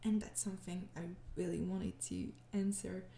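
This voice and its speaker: Her voice runs on the low side, steady and creaky at a moderate pace, in an echoey room with slight background noise. A young ASMR creator from France, she answers fans in a soft, casual Q&A, sounding tired, hesitant and apologetic, with soft laughs and slips into whispers.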